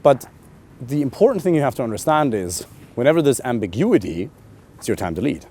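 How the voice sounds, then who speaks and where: Emphatic man with a lively voice. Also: a little fast, slightly rough. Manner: animated and emphatic, swings loud and high on key points; blunt, swears casually. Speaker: dating coach. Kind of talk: coaching monologue to camera.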